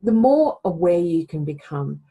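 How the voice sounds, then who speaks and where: A woman's voice: lowish voice, sing-song, measured pace, warm tone, husky, lo-fi sound. A middle-aged woman hosting a reflective casual talk, speaking conversationally and often adding "right?" to her points. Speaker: podcast host.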